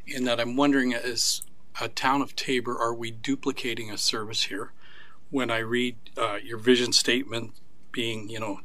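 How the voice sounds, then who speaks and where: A man serving as a town councillor, questioning a presenter in a council chamber in a measured, blunt way. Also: mid-range voice, pushed and bright.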